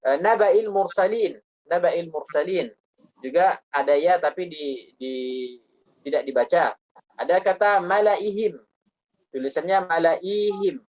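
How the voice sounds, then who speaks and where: A woman teaching a Quran recitation lesson, explaining patiently and reciting example words slowly and repeating them. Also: on the low side, a little mellow, poor audio.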